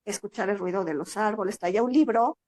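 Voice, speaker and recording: A Mexican woman speaks as an interview guest, telling a story with lively energy and slipping into higher voices for the people she quotes. Her voice sits at a middle pitch. It sounds close and dry, with hardly any room around it. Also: brisk, no room sound.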